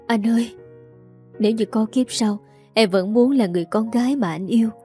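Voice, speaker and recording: A woman's voice: fairly high pitch, a little fast, warm tone, soft background music, natural voice. Woman voicing a frantic grieving young woman. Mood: distraught. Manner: pleading, tearful, breathless.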